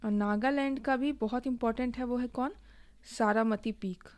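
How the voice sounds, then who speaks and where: A woman teaching an exam-prep lesson, speaking slowly while she writes and asking and answering her own questions. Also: on the high side, fairly even intonation, darkish tone. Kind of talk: recorded online lesson, Hindi with English.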